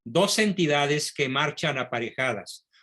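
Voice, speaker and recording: A man giving a history lecture, reading passages of a speech aloud slowly and repeating key phrases. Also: fairly high pitch, expressive, sharp tone.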